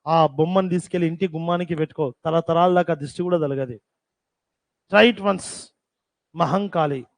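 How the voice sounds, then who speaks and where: Guy teacher with a high voice dictating stuff word by word, repeats it, teases the kids, dry sound. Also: vocal fry, no room sound. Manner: repeats terms slowly for dictation, teasing scolds. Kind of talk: classroom dictation lesson.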